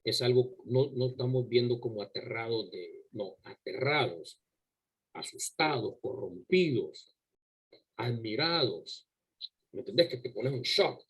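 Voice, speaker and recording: Husky-voiced male preacher, emphatic. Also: medium pitch, lively intonation, measured pace, rough recording. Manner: emphatic, asks the listeners rhetorical questions; repeats words and restarts while preaching. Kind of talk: sermon to a congregation. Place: church service before a congregation.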